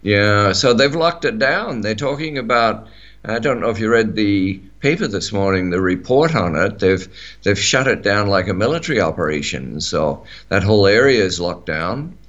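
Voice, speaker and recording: Australian man, middle-aged, low voice, rambling radio chat, muffled lo-fi sound. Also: animated, normal speed, fairly bright tone. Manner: rambling, many fillers and restarts. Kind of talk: casual talk radio chat.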